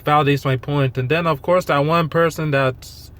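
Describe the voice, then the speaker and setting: A fitness vlogger with a slightly high voice rants off the cuff to his followers. He speaks in a monotone, halting way, stringing thoughts together loosely, and he is blunt, self-deprecating and casual about swearing.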